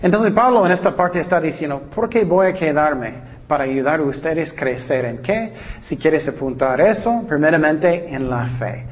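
A man preaching a sermon, repeating key words for emphasis and reading scripture slowly and deliberately. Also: on the high side, in a large hall. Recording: dull lo-fi recording.

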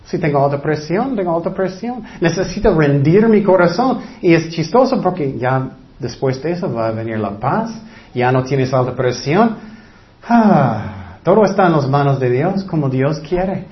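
A man's voice: expressive, normal speed, muffled recording. A middle-aged man preaching a sermon, earnest, often acting out fretful people. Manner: earnest, acts out worried people in high anxious voices.

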